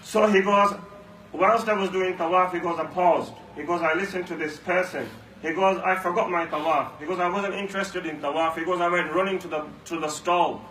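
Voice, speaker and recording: This mosque speaker is a man delivering a Ramadan talk full of stories and emphatic repetition. His high, bright, forceful voice stays fairly even and runs a little fast. The recording has room echo, a far-off mic and a faint hum.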